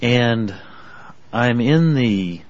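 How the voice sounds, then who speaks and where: A man co-hosting a podcast in a relaxed, casual chat. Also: mid-range voice, very slow. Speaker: podcast co-host. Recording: dull lo-fi podcast audio.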